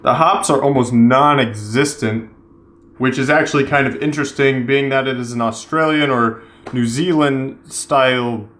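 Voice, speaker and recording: A man's voice: medium pitch, steady tone, moderate pace, a bit bright. A man hosting a casual beer review vlog, chatty and joking in an upbeat way.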